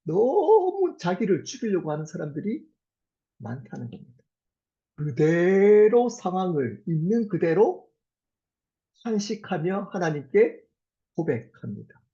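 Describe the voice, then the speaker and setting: A male pastor preaching a sermon, earnest and emphatic, slowing down on key phrases and asking the congregation rhetorical questions. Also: sits high, big pitch swings, mellow. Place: church sanctuary. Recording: dull lo-fi sermon recording.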